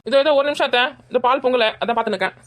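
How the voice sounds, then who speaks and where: A defiant young daughter-in-law, played by a woman in a homemade village skit. She argues back at breakneck speed in a slightly high voice. She is cheeky and never lets a jab go. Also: close to an everyday voice. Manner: argumentative, talks back fast. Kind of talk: village family comedy skit.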